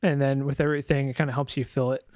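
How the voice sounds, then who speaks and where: This man speaks quickly in a level, mid-range voice against heavy background noise. He's narrating a loose screen-share sound design tutorial, musing aloud with some hesitation as he demonstrates.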